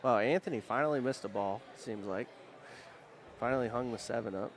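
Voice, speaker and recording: A man's voice: mid-range voice, brisk. A man in his late twenties commentating live pool, analyzing each shot as it happens. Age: 20s. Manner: analytical, calls the shots as they happen.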